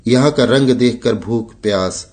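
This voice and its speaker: A man's voice: medium pitch, a little mellow. Man narrating a classic story. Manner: measured, literary storytelling. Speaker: audiobook narrator.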